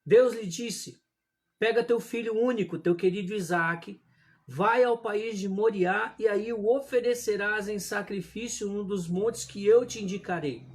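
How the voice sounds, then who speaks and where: High-voiced preacher reading scripture. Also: male voice, breathy edge. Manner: addresses listeners as brothers, reads scripture aloud in a measured way. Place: indoor room at home, religious images behind him. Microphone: livestream camera.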